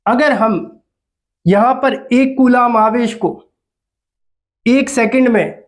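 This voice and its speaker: A man's voice: extremely high pitch, slow. A man teaching a physics lesson, repeating key terms and quizzing his students with questions. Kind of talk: classroom lecture.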